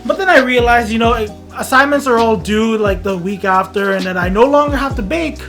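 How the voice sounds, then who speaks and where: A woman in her twenties telling a comic story on her vlog, self-mocking and dramatic, dropping to mumbles and rising to loud outbursts. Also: on the high side, fairly quick, faint music behind. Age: 20s. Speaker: vlogger.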